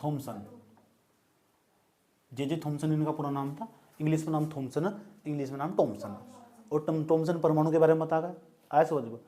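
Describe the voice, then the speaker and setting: A man's voice: on the high side, a little fast, pauses often, dark tone. A male teacher lecturing a class in a joking way, often stopping to check that students follow.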